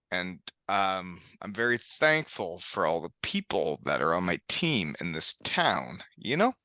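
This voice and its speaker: This middle-aged former hockey player hosts a podcast, talking in a casual, candid, rambling way. His voice sits on the low side and comes across pushed and bright, with no echo.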